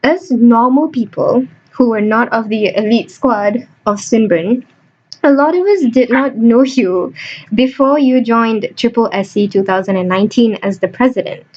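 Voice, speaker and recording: A woman's voice: fairly high pitch, moderate pace, a little mellow. A young woman hosting a student podcast, playful and theatrical, joking her way through the interview. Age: young adult. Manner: bubbly, jokey, theatrical. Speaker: podcast host. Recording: dull lo-fi home recording.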